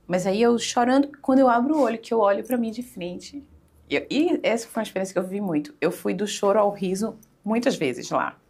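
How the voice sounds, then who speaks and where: A woman's voice: medium pitch, expressive, brisk, darkish tone, breathy edge. A woman speaking as a podcast guest, telling an emotional spiritual story in casual conversation, with many fillers.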